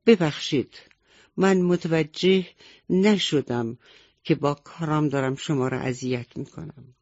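A woman voicing a playful, mischievous little monkey in a children's bedtime radio story, in a high, lively teasing voice. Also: no echo. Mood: sorry. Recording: dull lo-fi radio recording.

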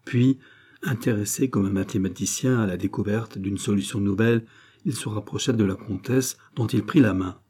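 Male narrator, steady literary audiobook reading, low husky voice. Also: moderate pace.

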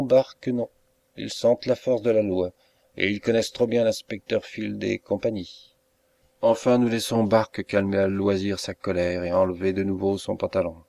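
A man narrating a classic short story as an audiobook reader, in a measured, dramatic delivery. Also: fairly low pitch, gravelly, dark tone, no room sound.

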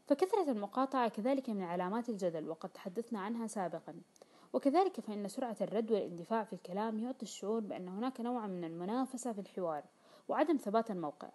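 Fast-reading woman narrator. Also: mid-range voice, expressive, warm tone. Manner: explanatory, with quoted dialogue in colloquial speech. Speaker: audiobook reader. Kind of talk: reading a self-help audiobook.

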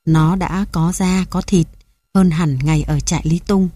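A woman reading the part of an earnest young man from the village, speaking gently. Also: a little high, fairly even intonation, measured pace, no echo.

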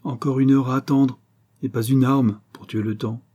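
A man's voice: medium pitch, steady tone, normal speed, mellow, breathy edge, dull audio, close to an everyday voice. A man voicing a carefree, haughty young Parisian count in an audiobook reading, talking in a lofty, teasing way.

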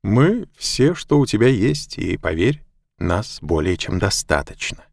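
A man's voice: lowish voice, big pitch swings, measured pace, gravelly, no echo, studio quality, heavily acted. A man voicing a cheerful, playful motherly woman who works as housekeeper and cook in an audiobook. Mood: warm. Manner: playful, laughing.

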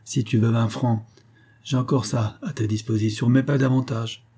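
A man's voice: medium pitch, fairly even intonation, normal speed, mellow, slightly rough, natural voice. A man doing a mocking, skeptical sick journalist. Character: sick, sardonic male journalist friend.

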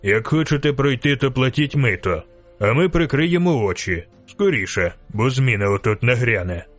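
A man's voice: mid-range voice, animated, normal speed, a bit bright, faint music behind. A man reading a jeering guard soldier. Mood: mocking. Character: mocking bribe-taking male soldier on guard.

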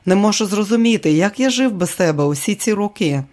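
A man's voice: high voice, expressive, a little fast, darkish tone, pitched above the performer's own voice. A man voicing a weary, wry aging comedian. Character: tired aging man, famous comedian, joking husband. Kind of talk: audiobook character reading.

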